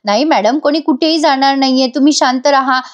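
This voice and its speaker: A woman's voice: high-pitched, brisk, highs cut off, natural voice. A woman voicing a grave young man who speaks curtly and firmly, ending the argument. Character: grave young man, a stern elder brother.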